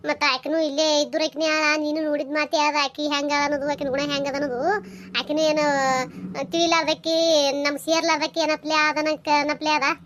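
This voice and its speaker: A fretful middle-aged village mother from a cartoon scolds and laments in a piercingly high voice, as a woman voices her. She talks in a rapid rush with a North Karnataka Kannada accent. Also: little pitch movement, a bit bright, a little hiss or hum. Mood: lamenting. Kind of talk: cartoon dialogue voicing.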